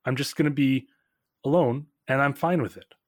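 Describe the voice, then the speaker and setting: A man's voice: mid-range voice, moderate pace, no room sound, studio quality, lightly acted. A man doing a bitter, lonely dwarf. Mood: bitter, sulking. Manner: curt, self-pitying outbursts. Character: lonely bitter male dwarf, defensive and sulking.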